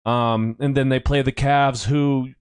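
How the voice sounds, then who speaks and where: Rambling man with a strained, yelled-out voice. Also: mid-range voice, fairly even intonation, measured pace, clean tone, dry recording, clean studio sound. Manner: rambling, self-correcting, conversational. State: strained voice from yelling. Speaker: podcast host; youth coach. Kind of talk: casual sports talk.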